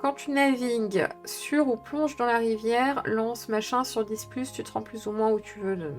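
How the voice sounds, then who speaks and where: Streamer, woman, higher pitch, rambling filler-heavy chat, soft music behind. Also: steady tone, a little slow. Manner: chatty, thinking aloud with many fillers. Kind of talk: casual live-stream chat about tabletop games.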